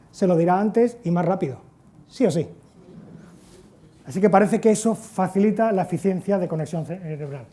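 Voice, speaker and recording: A man, giving a lively talk at an education conference. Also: high voice. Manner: lively storytelling, acts out quotes loudly. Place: conference hall.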